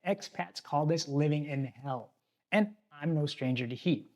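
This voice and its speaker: This male host's pitch sits fairly high and his pace is moderate. He runs an expat channel from a tropical island and delivers a scripted, advisory talking-head piece straight to his audience about moving abroad.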